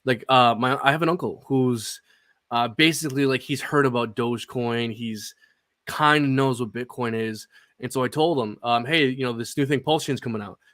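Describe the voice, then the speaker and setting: A man's voice: medium pitch, normal speed, a bit bright, no echo. Young guy chatting crypto, swears a lot, dry close sound. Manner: swears freely, laughs often. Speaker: crypto podcast guest. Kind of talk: casual chat.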